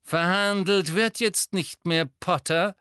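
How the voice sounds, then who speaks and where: A sneering, aristocratic male wizard villain who drawls every word with cold mockery, as a male audiobook reader puts him on. The voice sits well above the reader's own, stretched out slowly and delivered in a dry, close sound. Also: high-pitched, fairly even intonation, pushed and bright, clean tone, no echo, pitched above the performer's own voice, full character voice. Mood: drawling. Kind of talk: audiobook character voice.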